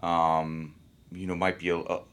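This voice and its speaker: A man who is an actor, talking about his work in a relaxed, rambling interview. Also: low-pitched, unhurried, clear, resonant tone. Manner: easygoing, rambling, thinks aloud. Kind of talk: casual interview talk.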